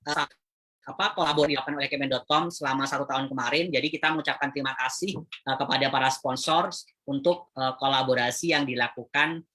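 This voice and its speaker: A man talking through a webinar in a relaxed, conversational way, with a bright, clear tone. He often hesitates between phrases and speaks directly to his audience at an ordinary pitch. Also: fast talker. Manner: frequent "eh" hesitations, chatty address to viewers. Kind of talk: casual webinar presentation.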